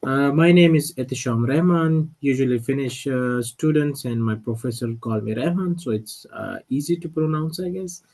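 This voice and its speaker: A man from Pakistan introducing himself, friendly and a little halting. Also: mid-range voice, darkish tone. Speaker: student ambassador. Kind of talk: self-introduction. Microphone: video call.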